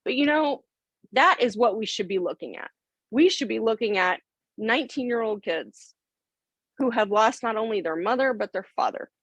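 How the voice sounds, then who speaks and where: A woman's voice: fairly high pitch, lively intonation, normal speed, husky, dry recording, highs cut off. A woman co-hosting a podcast discussion, speaking as a victims' advocate who passionately urges listeners to act. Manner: impassioned, urging listeners to act.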